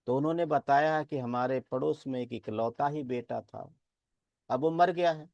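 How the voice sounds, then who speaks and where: A man giving a Buddhist dharma talk, deliberate, chanting verses and asking rhetorical questions. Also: mid-range voice, gravelly, a little mellow, no echo, dull audio. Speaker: Buddhist teacher.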